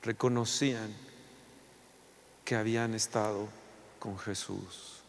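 Impassioned preacher, echoing hall. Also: male voice, lowish voice, fairly even intonation, slow pace, creaky, slight background noise. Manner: impassioned, swinging from loud to hushed. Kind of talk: sermon.

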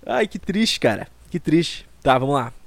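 A man's voice: fairly high pitch, sing-song, measured pace, gravelly, no room sound. A young man in his twenties from Brazil, hosting a solo comic podcast with a rambling, self-mocking and profane way of talking, close to the mic. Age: 20s. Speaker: podcast host.

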